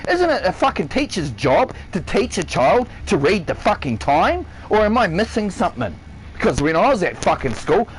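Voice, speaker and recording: High, wildly swooping ranting man. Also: a little hiss or hum, low-quality recording. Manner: blunt, heavily profane, emphatic rant. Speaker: chef streaming live. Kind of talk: ranting livestream monologue. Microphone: console headset or stream mic.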